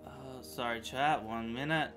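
A man streaming a video game live, chatting excitably and profanely with his viewers and friends. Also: medium pitch, a little slow, over music. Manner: excitable, profane, bantering with chat. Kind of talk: casual live-stream chat while gaming.

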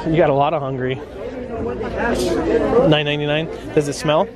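A man's voice: fairly high pitch, level tone, normal speed. A man from central Florida chatting casually while shopping, reading out prices and joking. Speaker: vlog co-host. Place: busy indoor store. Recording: loud crowd in background.

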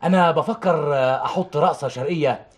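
An actor playing a brash, smooth-talking stage director with an Egyptian accent. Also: male voice, on the high side, a little fast, natural voice. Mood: scheming. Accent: Egyptian Arabic. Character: flashy, scheming male stage director. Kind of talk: TV drama acting.

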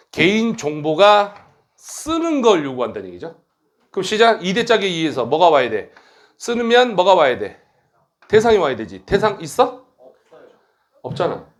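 A middle-aged academy director teaches grammar in a fairly high-pitched voice. He is brisk and blunt, teasing his students and tagging on quick questions.

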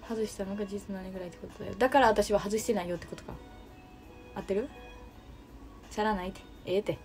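A woman's voice: medium pitch, a little mellow. A young woman with a Kansai Japanese accent hosting a casual livestream, chatting and answering viewer comments. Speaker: livestream host.

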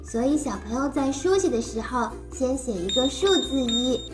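Casting: woman for tiny chirpy cartoon creature, child-like and high, encouraging phonics teacher speaking as if reading to a toddler, music behind. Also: normal speed, close to an everyday voice. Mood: bubbly, encouraging. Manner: simple, exaggerated, encouraging talk, as if reading to a toddler. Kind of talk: animated lesson for small children.

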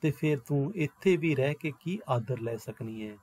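A man's voice: medium pitch, lively intonation, moderate pace, a little mellow, breathy edge. A man reading as an anxious village housewife. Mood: earnest. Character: worried village housewife, middle-aged woman. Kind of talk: reading a play aloud.

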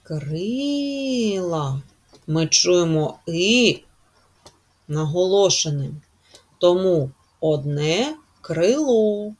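Husky woman teaching slowly. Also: on the low side, darkish tone. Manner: slow and emphatic, stretching and stressing syllables. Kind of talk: spelling lesson for young children.

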